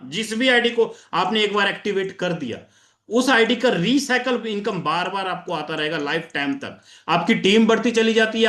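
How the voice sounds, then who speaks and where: Man, presenter, screen-share walkthrough, repetitive question-and-answer delivery, high voice, roomy echo. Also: pushed and bright. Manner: repetitive, asks and answers his own questions, addresses listeners as sir. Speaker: crypto plan presenter. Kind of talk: screen-share presentation explaining an income plan.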